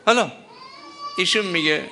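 Older male preacher, mourning sermon, forceful bright voice, impassioned and grieving. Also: high voice. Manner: impassioned, grieving, breaks into lamenting chant.

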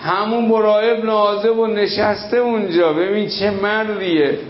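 A fairly high-voiced man preaches with feeling, slowing down for weight and then surging up as the story builds. The sound is echoey and a bit dull, as if from a hall with a lo-fi recording and faint hiss behind him. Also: steady tone. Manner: emotional storytelling with dramatic pauses and sudden rises. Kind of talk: sermon.

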